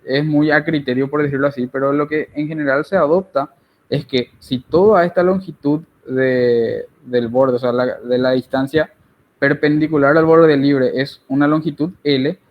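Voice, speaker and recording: A man's voice: on the high side, fairly even intonation, moderate pace. Man tutoring, dull lo-fi call audio. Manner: explains while drawing, frequent tag questions. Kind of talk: online engineering tutorial.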